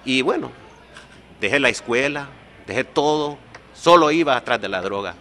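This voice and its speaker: Here a man born in the United States tells his personal story at a support meeting, earnest and confessional, with "¿verdad?" popping up often. His mid-range voice is fairly bright, with lively intonation and normal pacing, and there's a slight hiss or hum on the recording.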